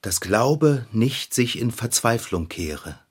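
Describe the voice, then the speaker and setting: A good-natured amateur who recites Romeo's lines. His voice is somewhat husky, and he speaks slowly with a lively pitch. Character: good-natured young man rehearsing Romeo.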